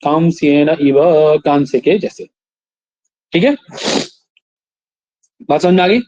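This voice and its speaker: A man teaching a class, slowly reciting verses, then explaining them and quizzing his students. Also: on the high side, darkish tone, no echo, lo-fi sound. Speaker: Sanskrit teacher. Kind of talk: classroom lecture.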